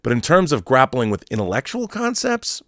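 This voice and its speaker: An American man in his fifties hosts a show, delivering a casual, opinionated monologue on pop culture. His mid-range voice swings hugely in pitch at a normal speed, sounds a bit bright, and comes through clean studio audio with no echo. He's emphatic and nostalgic, repeating phrases for stress.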